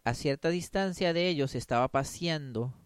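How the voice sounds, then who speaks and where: A man's voice: fairly high pitch, normal speed, smooth, dry recording, studio quality. A man preaching a sermon, emphatic, often asking his listeners questions and acting out the quoted voices.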